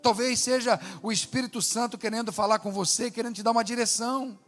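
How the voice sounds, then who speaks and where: Male pastor, lively preaching delivery, high voice, big reverberant hall. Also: quick pace. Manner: animated preaching with acted quotes, rising and dropping to a hush. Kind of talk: sermon. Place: large church hall. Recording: long hall reverb with faint music.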